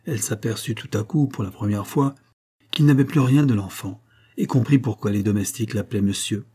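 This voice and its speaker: A man narrating a novel in a measured, even storytelling manner. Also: on the low side, breathy edge. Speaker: audiobook narrator. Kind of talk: scripted narration.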